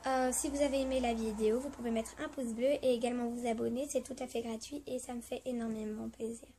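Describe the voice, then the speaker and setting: A woman vlogger chats to her viewers in a casual storytelling vlog. Her voice sits a little high and has a soft, mellow tone. She sounds eager but hesitant, filling her sentences with fillers and restarts. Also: fairly even intonation, fast, a little hiss or hum. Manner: chatty and enthusiastic.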